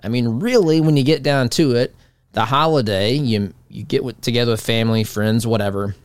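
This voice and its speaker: A man in his forties hosts a talk show, wandering through his thoughts in a loose, conversational way and often restarting sentences. His voice sits in an ordinary middle pitch. It is recorded close and dry, with no room sound. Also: fairly quick, clean tone, no room sound. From United States. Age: 40s. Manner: rambling, conversational, many restarts. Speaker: radio talk show host. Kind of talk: casual monologue.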